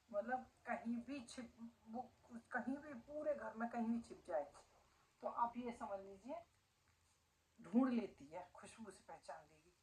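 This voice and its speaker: On a low-quality recording, a middle-aged woman with a fairly high, slightly mellow voice vlogs casually from home. She is a family vlogger, talking to her viewers with emotion and doting affection about her pet dog.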